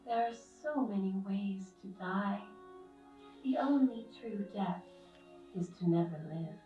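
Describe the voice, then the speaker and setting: A woman playing a serene, ageless female lamb spirit of death in a game, speaking in calm, poetic, measured lines. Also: mid-range voice, muffled recording, lightly acted. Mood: calm, foreboding. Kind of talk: scripted game character voice lines. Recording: echoing, distant playback over music.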